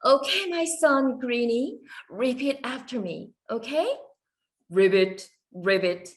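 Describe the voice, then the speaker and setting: Lady doing a fussy mama frog, high swoopy voice, big storybook croaks. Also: animated, drawn-out words, far from the mic. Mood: exasperated. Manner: exaggerated storybook voice, croaking ribbits. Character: fussy mother frog, exasperated with her son.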